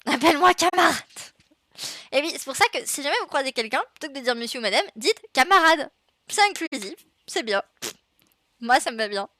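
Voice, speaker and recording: Bright-voiced chatty woman streamer. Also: high voice, expressive, quick pace, no room sound, clean studio sound. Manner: chatty and rambling, with frequent fillers and laughs; reads game dialogue aloud while playing. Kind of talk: casual gaming livestream chat.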